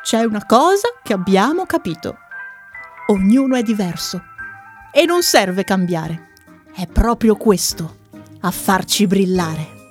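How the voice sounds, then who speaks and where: A woman voicing a small, anxious boy in a children's storybook reading, speaking high and pleading. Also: lively intonation, measured pace, darkish tone, faint music behind, lightly acted. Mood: relieved.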